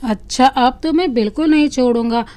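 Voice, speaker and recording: A woman's voice: high-pitched, moderate pace, a little mellow, close to an everyday voice. A woman voicing a loving, playful young husband who teases his wife affectionately, in a storybook reading. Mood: teasing. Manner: teasing, affectionate.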